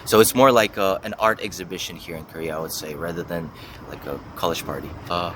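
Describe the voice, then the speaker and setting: This young adult university student, from Russia and the US, hedges and thinks aloud while giving casual interview answers. His low voice is fairly even in intonation and a little fast. Background noise is audible.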